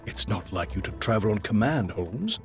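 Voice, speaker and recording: A man playing a loyal, kindly Victorian doctor in an audio drama, speaking in a genteel, old-fashioned and expressive way. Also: on the low side, normal speed, soft background music. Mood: curious.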